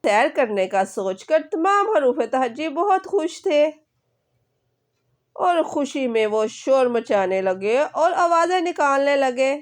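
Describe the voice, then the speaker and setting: A woman narrating a children's storybook, reading out letter names and their sounds in a slow, clear, steady manner. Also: high voice.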